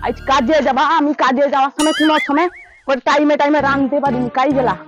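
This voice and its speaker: A woman's voice: high-pitched, steady tone, quick pace, over music, natural voice. A woman playing a fed-up, scolding village wife in a comedy skit, nagging and repetitive in a rural Bengali dialect. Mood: exasperated, scolding.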